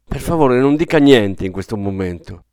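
A man's voice: mid-range voice, animated, normal speed, darkish tone, clear, resonant tone, no room sound, studio quality, lightly acted. Guy reading heartbroken young man begging, cracked pleading voice, audiobook.

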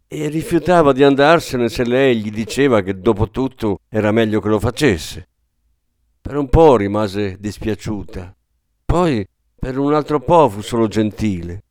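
A man giving calm, measured scripted narration of a literary story as an audiobook narrator. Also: lowish voice, no room sound, clean studio sound.

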